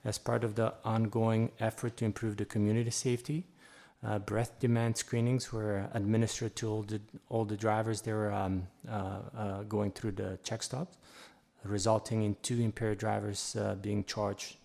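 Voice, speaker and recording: A male police sergeant giving a formal report at a council meeting, with a halting, hesitant delivery. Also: lowish voice, level tone, gravelly, darkish tone.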